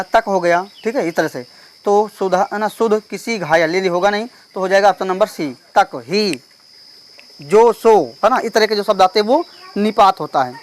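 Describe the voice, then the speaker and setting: A male teacher solving an exam paper step by step. He reads each question slowly and keeps checking in with the class. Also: high-pitched. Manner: explains step by step, reads questions slowly, repeats "theek hai". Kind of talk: exam paper walkthrough lesson.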